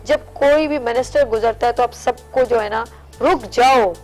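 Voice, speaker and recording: A woman's voice: a little high, normal speed, a little mellow, soft background music. A woman hosting a morning talk show, speaking earnestly and at length in a casual studio discussion. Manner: earnest, lecturing, talks at length.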